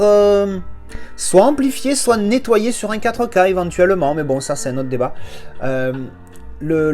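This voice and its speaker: A man's voice: on the high side, a little mellow. A man with a French accent giving a casual, rambling film and Blu-ray review, full of fillers and restarts and chatty asides to the viewer.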